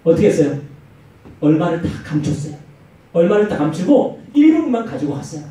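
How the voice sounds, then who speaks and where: Animated preacher in a very echoey hall. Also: male voice, fairly quick. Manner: animated storytelling with acted-out quotes and swinging pitch. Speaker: youth pastor. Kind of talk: youth sermon. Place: church hall. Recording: very echoey hall, mic far off.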